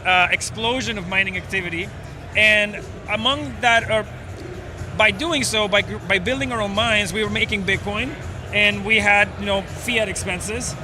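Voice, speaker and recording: Music plays under a high, moderately paced male voice. The speaker, a startup co-founder from Venezuela, rambles through lengthy explanations with plenty of fillers during a relaxed interview outdoors at a crowded conference.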